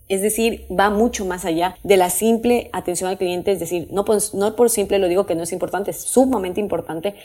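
Warm-voiced woman giving business tips. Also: medium pitch. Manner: conversational, with frequent fillers and tag questions; restarts sentences and corrects herself mid-phrase. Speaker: customer service trainer. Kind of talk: informal teaching talk to viewers.

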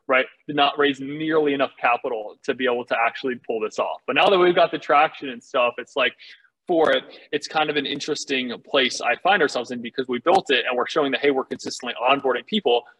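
A man with a forceful, bright voice and a slightly rough, husky edge delivers a confident startup pitch. He talks casually and candidly, like a founder selling his company to investors. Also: quick pace, poor audio. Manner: casual, candid, salesy explaining.

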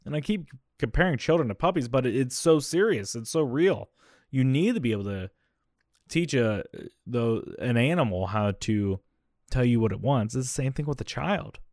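A man's voice: medium pitch, animated, moderate pace, darkish tone, no room sound. A young adult man hosting a casual solo podcast, rambling conversationally with frequent asides and a dry, slightly coughy throat. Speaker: podcast host.

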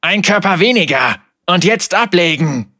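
A man's voice: sits high, animated, a little slow, bright, forceful tone, dry recording, studio quality, voice pushed up, heavily acted. A man voicing a ruthless pirate captain in a storybook, snarling orders and cracking into frantic pleas. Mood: harsh commanding. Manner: snarling, then pleading in panic.

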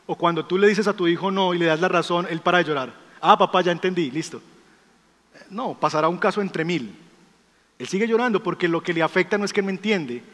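Man preaching in a big echoey church hall, emphatic, goes soft when telling stories. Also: high voice, fast. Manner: emphatic, rhetorical questions, drops to soft storytelling. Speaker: pastor. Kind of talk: sermon. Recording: long hall reverb.

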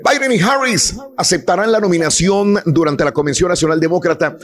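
Higher-pitched Mexican male radio host. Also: a little fast. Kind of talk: conversational radio hosting.

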